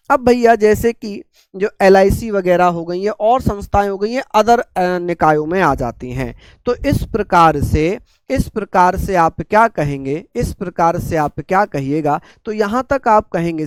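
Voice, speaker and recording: Hoarse Indian man teaching slowly. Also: sits high, no room sound. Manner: slow, repetitive teaching with questions to students. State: sore, infected throat. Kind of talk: live online class lecture.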